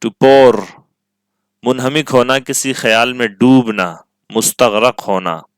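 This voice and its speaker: A man's voice: medium pitch, fairly even intonation, slow, clear, resonant tone, dry recording. A man teaching English vocabulary, repeating each word and its meaning and checking whether the class follows. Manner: asks "ठीक है?" to check understanding. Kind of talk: vocabulary lesson with translations.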